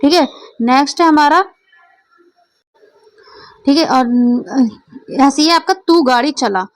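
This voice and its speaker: A woman teacher walks through an exam-prep lesson one step at a time and keeps pausing to ask whether everyone follows. Her voice sits high. The recording is close and dry, with no room sound. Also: dry recording. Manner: explains step by step, often checks understanding.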